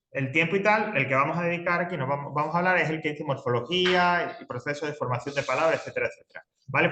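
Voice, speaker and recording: A man's voice: medium pitch, bright, forceful tone. A Spanish-accented male teacher explaining grammar to an adult class, hesitant, with many restarts and checks for understanding. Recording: echoey room, faint noise.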